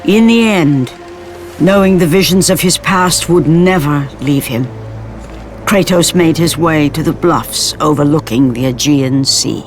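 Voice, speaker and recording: A man narrates an epic tale in a grave, dramatic voice that sits a little higher than most. Orchestral music plays steadily beneath him. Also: a little slow. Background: orchestral score.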